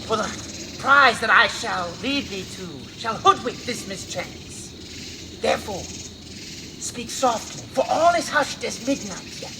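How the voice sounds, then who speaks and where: A woman's voice: on the high side, expressive, a little slow. A woman playing a wheedling, resentful monster servant on stage, declaiming in archaic English. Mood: wheedling, hushed. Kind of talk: live stage performance of Shakespeare. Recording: noisy live outdoor stage recording.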